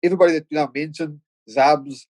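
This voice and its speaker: Quick-paced and steady in tone, this middle-aged Cape Town rapper and producer from the Cape Flats speaks in a slightly high, darkish voice with no echo. He's a guest on a casual podcast, musing reflectively and frequently restarting his stammered sentences.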